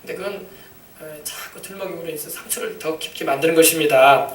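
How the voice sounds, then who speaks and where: Male pastor, quick emphatic sermon, echoey church, distant mic. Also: a little high, slight background noise. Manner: emphatic, repetitive preaching with congregation responses. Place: church sanctuary.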